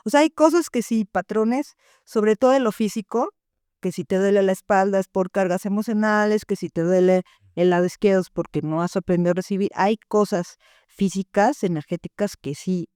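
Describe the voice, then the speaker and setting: A woman's voice: medium pitch, clean tone, dry recording, clean studio sound. A middle-aged woman, a therapist telling stories casually and acting out the dialogue she quotes. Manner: animated, acts out quoted dialogue. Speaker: therapist guest. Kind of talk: casual storytelling.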